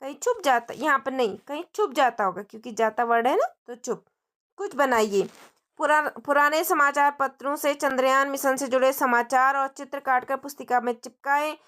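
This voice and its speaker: Woman teacher, high voice, simple words and bits, keeps asking the kids stuff. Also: normal speed, a bit bright. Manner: explains in simple Hindi mixed with English words; friendly, asks the children questions as she goes. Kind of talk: textbook lesson for young children.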